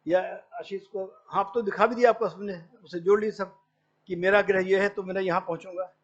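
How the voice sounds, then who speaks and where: A man's voice: high voice, steady tone, a little fast. A middle-aged male professor giving an academic lecture, explaining patiently and quoting Sanskrit verses. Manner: explains patiently, quotes Sanskrit verses, mixes in English words. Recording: dull lo-fi lecture recording.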